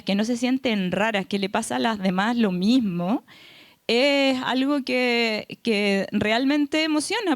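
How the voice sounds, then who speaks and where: A woman speaks earnestly on a panel, explaining as she goes and often checking that the audience follows. Her voice sits a little high. The sound is close and dry, with no room echo. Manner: earnest, tag questions like "¿ya?". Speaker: foundation representative on a panel. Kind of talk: panel talk.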